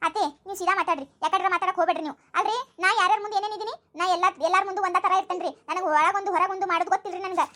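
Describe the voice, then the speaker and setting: Woman as a sassy young daughter-in-law, North Karnataka accent, quick bright voice. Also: extremely high pitch, steady tone, pitched below the performer's own voice. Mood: defiant. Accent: North Karnataka Kannada. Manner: defiant, talks back plainly. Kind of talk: comedy skit.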